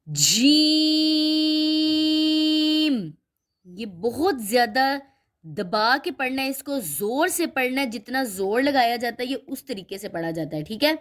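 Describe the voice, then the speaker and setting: A woman's fairly high voice leads a beginner Quran reading lesson. She speaks patiently and keeps checking that the child follows. She draws out and repeats each letter sound for the listener to copy. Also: expressive. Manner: explains slowly, checks in with "theek hai?" often.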